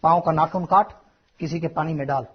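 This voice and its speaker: Husky high-voiced man preaching. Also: steady tone, a little fast. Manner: emphatic, rhetorical, addresses listener directly. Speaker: Islamic preacher. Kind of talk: fiery sermon. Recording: muffled, lo-fi sermon recording.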